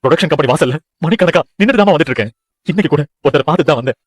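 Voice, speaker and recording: A man's voice: on the high side, lively intonation, racing, no echo. An actor playing a discouraged young man who tells his mother about chasing his film dreams, earnest and downcast. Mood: dejected. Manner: dejected, earnest, pleading. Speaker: son, aspiring film director. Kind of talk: TV serial acting.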